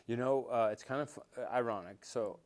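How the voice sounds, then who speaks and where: Older male interview guest, smooth resonant voice, mid pitch, rambling storyteller who warms up as he goes. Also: a little fast. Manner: rambling with many restarts and fillers, grows animated telling stories. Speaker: interview guest, former quarterback.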